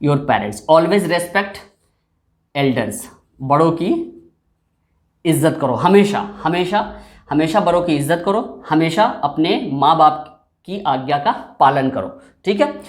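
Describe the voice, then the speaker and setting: A man's voice: fairly high pitch, expressive, slow pace. Male English tutor, patient and repetitive, explaining grammar at a board, recorded with room echo. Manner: patient, repeats and drills example phrases. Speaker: English teacher. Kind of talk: explanatory classroom lesson. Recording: echoey room.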